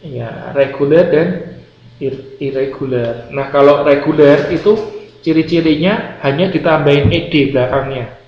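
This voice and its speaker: A slightly high-voiced man speaks unhurriedly as he teaches an English grammar class in Indonesia, explaining patiently, repeating key words and quizzing students. The classroom lecture was captured in a roomy room with dull lo-fi sound and faint noise.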